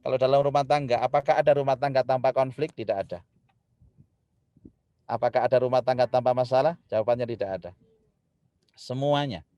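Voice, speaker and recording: A man giving a lively Islamic sermon to an audience, swinging from loud emphatic lines to quiet ones and addressing the listeners directly. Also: medium pitch, fairly quick, pauses often, no room sound, lo-fi sound. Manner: lively, rising loud when building a point, then dropping soft; addresses the audience directly, acts out spouses' quarrels. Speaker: preacher.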